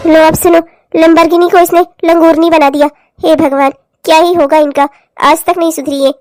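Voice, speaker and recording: A woman's voice: high voice, fairly even intonation, normal speed, a little mellow, no room sound, clean studio sound, faint music behind, natural voice. A woman voicing a bossy, nagging middle-aged mother-in-law in a cartoon, scolding and showing off. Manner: scolding, boastful.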